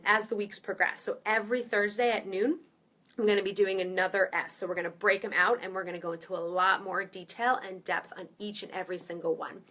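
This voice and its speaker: A woman in her thirties talks parents through baby-soothing steps like a maternity nurse on a live stream. She is chatty and loose, full of fillers and restarts. Her voice sits at an ordinary pitch with a bright, forward edge. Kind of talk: casual live-stream teaching.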